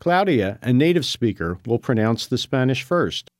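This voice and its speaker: American guy reading language course intro, clear and encouraging, dry studio sound. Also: medium pitch, sing-song, moderate pace, no echo. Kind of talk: scripted instructional narration.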